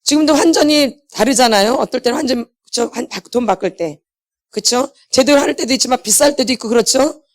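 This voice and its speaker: Her voice sits on the high side and moves a little fast as this middle-aged woman, a pastor's wife, preaches at a healing meeting. Throughout the sermon she asks her congregation questions, then supplies the answers herself.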